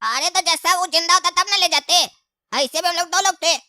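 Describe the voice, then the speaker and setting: A woman's voice: very high voice, brisk, shouting, very noisy. A woman voicing an indignant young male witness in a comedy skit, with a whiny, sarcastic way of complaining.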